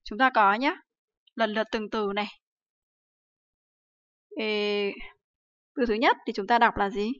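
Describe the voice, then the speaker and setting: Teaching Japanese on a livestream, a woman from Vietnam speaks unhurriedly in a mid-range, fairly bright voice, leaving long pauses. Her lesson is full of rhetorical questions and fillers, and the livestream sound is dry and slightly dull.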